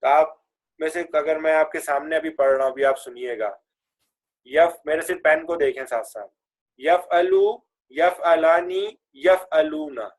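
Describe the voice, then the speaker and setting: سادہ آواز والا عربی گرامر کا استاد. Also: male voice, on the high side. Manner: chants verb forms and has students repeat; mixes English grammar terms into his speech. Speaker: Arabic grammar teacher. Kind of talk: classroom lesson with recitation drills.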